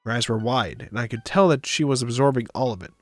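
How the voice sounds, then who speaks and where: With music running in the background, a man narrates a visual novel for his stream and drops casual side comments. He speaks quickly in a mid-range voice full of lively intonation, with no echo on the recording.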